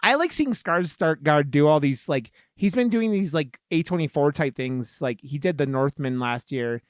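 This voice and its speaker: A man's voice: on the high side, animated, normal speed, clean tone, no room sound, studio quality. A young man co-hosting a podcast in casual chat, rambling with lots of fillers and swearing. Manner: rambling, profane, many fillers. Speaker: podcast co-host.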